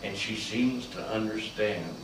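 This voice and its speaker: An older man, a veteran, performing a slow, emotional spoken-word monologue that swells to loud peaks on key lines. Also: fairly low pitch, noisy background. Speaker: Vietnam veteran storyteller. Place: large echoey college room. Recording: echoey room from far off.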